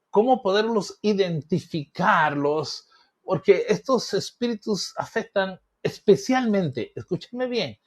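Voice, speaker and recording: A middle-aged male pastor preaching a teaching sermon, acting out voices and objections with emphatic bursts. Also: fairly high pitch.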